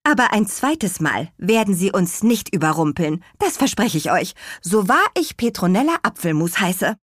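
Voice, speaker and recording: A woman's voice: medium pitch, big pitch swings, moderate pace, no room sound, clean studio sound, pitched above the performer's own voice. A woman voicing a small, cheerful young apple witch girl in a children's audiobook. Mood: eager.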